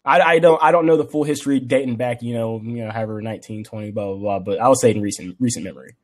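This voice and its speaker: A young man co-hosting a podcast, chatting casually and acting out bits of stories with lively swings in voice. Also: medium pitch, rapid-fire. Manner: animated storytelling, acts out quotes. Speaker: podcast co-host. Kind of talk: casual chat.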